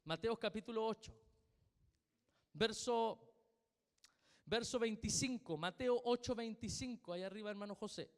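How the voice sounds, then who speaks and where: A man's voice: sits high, normal speed, pauses often. A man with a Chilean accent preaching a sermon in church, emphatic and repeating his points with questions to the congregation. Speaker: pastor. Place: church sanctuary. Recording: long reverb of a church hall.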